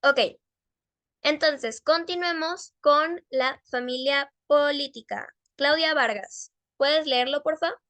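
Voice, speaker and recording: A woman teaching an English class, patiently correcting pupils and slowly drawing out English words. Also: sits high, fairly bright tone, no echo. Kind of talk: online class instruction.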